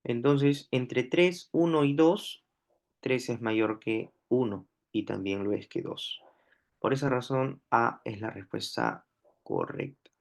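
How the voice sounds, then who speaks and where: A man with a Peruvian Spanish accent teaching a grammar lesson, slow and deliberate, repeating each example word aloud. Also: mid-range voice, very animated, creaky. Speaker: language teacher.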